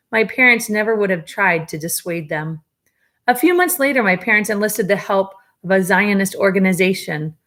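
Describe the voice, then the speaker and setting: A woman teacher with a mid-range voice reads a memoir aloud to her students at a steady pace. She corrects small slips as she goes and sometimes drops a casual aside to the class.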